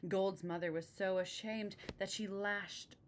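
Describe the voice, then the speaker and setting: A woman's voice: medium pitch, steady tone, unhurried, a little hiss or hum. A woman reading a picture book aloud expressively, adding casual asides about the pictures.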